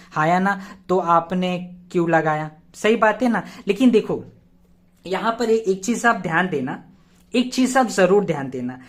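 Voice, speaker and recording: A man's voice: high-pitched, a bit bright. A young man teaching a grammar lesson step by step. He repeats key words, asks rhetorical questions and spells words out letter by letter.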